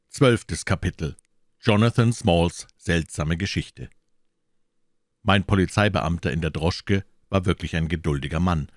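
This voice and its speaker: A man narrating a classic detective novel as an audiobook in a measured, storytelling manner. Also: sits low, dry recording, studio quality. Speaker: audiobook reader.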